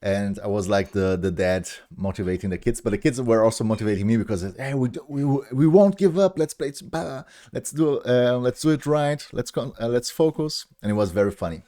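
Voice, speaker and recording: This thirtysomething streamer speaks English with a German accent, his medium-pitched, mellow voice running a little fast with few pauses. Chatting loosely with his audience, he wanders off track, laughs at himself, and keeps starting over.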